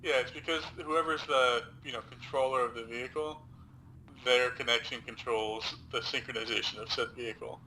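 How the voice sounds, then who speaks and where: A man in squad voice chat on a headset, sardonic and quick to explain how things work. His voice is bright and forceful at a mid pitch. Faint noise sits under it. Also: fairly even intonation, low-quality recording. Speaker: squad member in team game. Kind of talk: gaming voice chat.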